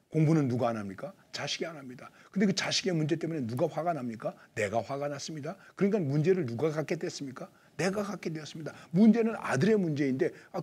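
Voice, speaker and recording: A middle-aged man delivers a sermon in a deeply husky, breathy voice. His pitch rises and falls widely, and he swings from loud emphatic lines to quiet near-whispers. He keeps asking his listeners questions. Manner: asks the listeners rhetorical questions. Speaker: pastor.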